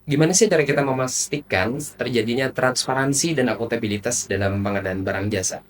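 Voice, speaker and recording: A man's voice: medium pitch, brisk, a little hiss or hum. A male podcast host with a mid-range voice, sounding slightly away from the mic. He asks questions and keeps echoing and confirming what his guest says, in a roomy, distant tone. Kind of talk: podcast interview.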